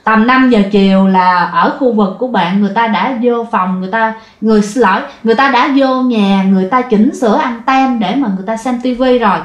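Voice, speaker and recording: A woman's voice: on the high side, brisk, few pauses, muffled recording. A woman telling a ghost story, chatty and addressing her listeners directly. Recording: roomy echo.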